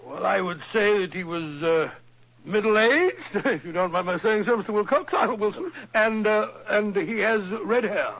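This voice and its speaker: Doctor watson, high bright voice, genial and bumbling, old radio. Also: male voice, animated, moderate pace. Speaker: narrator. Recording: dull old radio broadcast.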